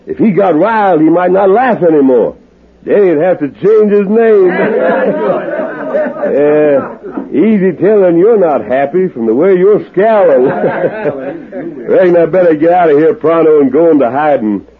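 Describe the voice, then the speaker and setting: An actor playing a masked Western hero, in 1940s radio acting, who mocks an outlaw with hearty laughter when in disguise. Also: male voice, a little high, expressive, a little slow, crowd noise. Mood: mocking laughter. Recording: tinny old radio broadcast.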